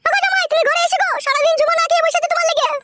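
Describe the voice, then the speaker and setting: A woman's voice: extremely high pitch, steady tone, rapid-fire, pitched above the performer's own voice. A woman voicing a brash, twice-married village mother-in-law in a comic cartoon, scolding in a foul-mouthed way. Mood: coaxing. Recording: noisy homemade recording.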